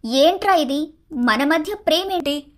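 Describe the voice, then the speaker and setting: A woman voicing a sharp-tongued young married woman in a cartoon story, speaking bluntly and scolding. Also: sits high, lively intonation, unhurried. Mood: indignant. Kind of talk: Telugu storybook cartoon dialogue.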